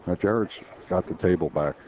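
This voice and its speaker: A man's voice: deep voice, fairly quick. A man commentating a pool match in a chatty way, explaining shots with frequent restarts. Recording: dull lo-fi stream audio with faint noise.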